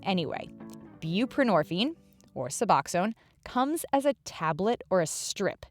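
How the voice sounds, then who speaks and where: A woman's voice: medium pitch, sing-song, unhurried, dry recording, faint music behind. A woman hosting a podcast, narrating a scripted story in a conversational, explanatory way. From Pacific Northwest, US. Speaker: podcast host.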